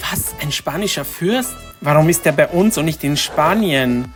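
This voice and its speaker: A man's voice: a little high, lively intonation, moderate pace, natural voice. A sensible fifteen-year-old girl pleads and pushes back against her mother, voiced by a man in a kids' toy-game story. The voice stays close to his ordinary speaking voice. Light music plays faintly behind. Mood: pleading.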